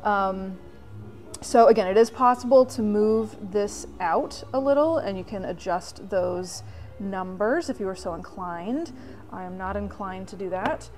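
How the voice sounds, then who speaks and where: A woman hosting a hands-on workshop tutorial, walking through each step slowly with frequent "um" pauses. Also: mid-range voice, darkish tone, soft background music. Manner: explains step by step with many "um" pauses. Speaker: vlog host.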